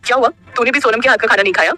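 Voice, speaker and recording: A man playing a joking young friend in a spoken story, teasing in a bright, quick voice. The banter comes fast and light. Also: very high voice, soft background music, pitched above the performer's own voice, heavily acted.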